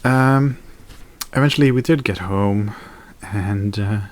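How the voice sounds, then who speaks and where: A man's voice: lowish voice, slow. A young man chatting casually in a daily vlog, rambling with fillers and self-corrections. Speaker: video blogger.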